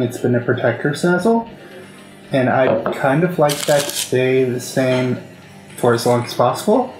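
A man's voice: mid-range voice, a little mellow, reverberant, poor audio. A man playing a tabletop game, talking hesitantly with many "I mean" and "um" fillers. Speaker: player. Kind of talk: casual tabletop game chat.

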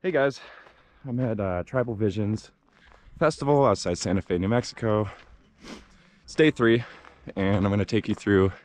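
A man's voice: on the low side, moderate pace, long pauses, darkish tone. Laid-back young man vlogging outdoors. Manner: laid-back, rambling with many fillers. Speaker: hiking vlogger. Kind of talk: casual walking vlog. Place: outdoors at a desert festival campground. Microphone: action camera held at arm's length.

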